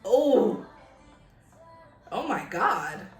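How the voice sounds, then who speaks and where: Her mid-range voice is sing-song, with drawn-out words, as this woman gushes and giggles effusively while hosting a casual reaction video. Behind her, in a roomy, echoing space, plays the pop music of the video being watched.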